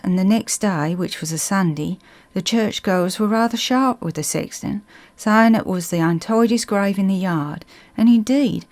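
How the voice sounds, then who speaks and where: A woman with a Suffolk accent reading a ghost story as scripted narration in a measured storytelling manner. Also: medium pitch, a little mellow.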